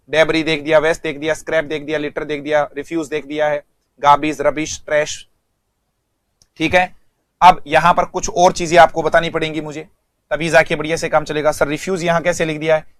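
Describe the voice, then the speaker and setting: Fairly high-pitched, flat-toned male teacher. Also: no echo, studio quality. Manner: repeats words and quizzes students. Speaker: English teacher. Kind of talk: online exam-prep vocabulary lesson.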